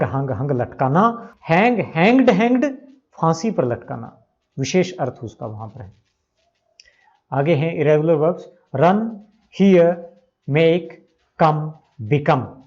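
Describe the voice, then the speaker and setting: Slow, methodical male English teacher. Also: on the high side, a little mellow, lo-fi sound. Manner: repeats each verb form and gives Hindi meanings. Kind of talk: slow, methodical grammar lesson.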